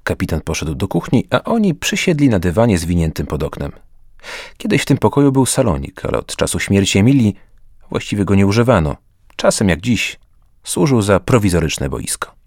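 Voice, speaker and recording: A man narrating a story in a lively reading style, raising his voice high for the characters' lines. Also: fairly quick, no room sound, studio quality. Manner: animated, lifts pitch sharply for characters' lines. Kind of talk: audiobook narration with voiced dialogue.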